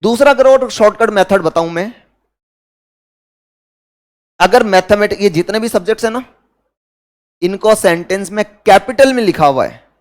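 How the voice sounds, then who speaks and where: High-voiced Indian man teaching grammar. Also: animated, moderate pace, pauses often. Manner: asks students questions and answers them himself, repeats key words. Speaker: English teacher. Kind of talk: classroom grammar lecture.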